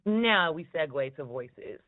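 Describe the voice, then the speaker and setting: Speaking at a measured pace, a woman with a low, smoky voice and lively intonation gives casual, frank commentary on podcasts, full of profanity and frequent laughter. The audio is thin and tinny, like a phone line.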